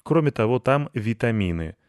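A man voicing a calm, bossy grey tomcat who speaks in a firm, matter-of-fact way. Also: mid-range voice, moderate pace, dry recording, clean studio sound, voice pushed up, natural voice.

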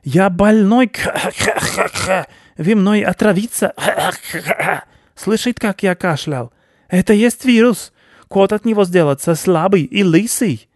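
A man's voice: mid-range voice, animated, normal speed, dry recording, studio quality, voice pushed up, lightly acted. A man voicing a pompous, vicious male rat baron who talks in broken grammar, for a storybook reading. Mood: pleading. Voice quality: broken grammar, haughty and blustering.

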